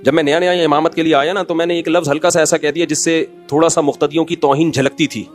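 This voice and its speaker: A man's voice: a little high, fairly even intonation, soft background music. A middle-aged man giving an informal religious talk, conversational and scolding, acting out the voices of people in his stories. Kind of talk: informal sermon with anecdotes.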